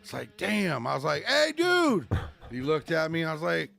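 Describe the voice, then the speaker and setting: A man co-hosting a casual podcast, a rambling storyteller who laughs often and shouts out the lines he quotes. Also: fairly high pitch, steady tone, fast, creaky, faint music behind. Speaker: podcast co-host. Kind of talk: casual chat.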